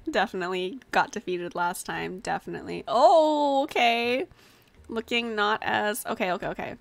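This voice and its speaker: This young adult woman has a gravelly, mid-range voice that stays animated while moving a little slowly, with long pauses and no echo. She's chatting playfully and giggly on a gaming livestream from a small home room, speaking into a desk microphone with a headset, with music behind her.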